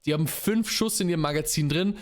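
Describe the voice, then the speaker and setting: A man's voice: a little high, quick pace. A young man streamer giving casual reaction commentary, laid-back and dropping English gamer slang into his talk.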